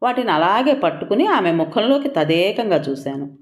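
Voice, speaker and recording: A woman's voice: mid-range voice, sing-song, normal speed, darkish tone, reverberant. A woman narrating an audio story in the first person, telling it expressively.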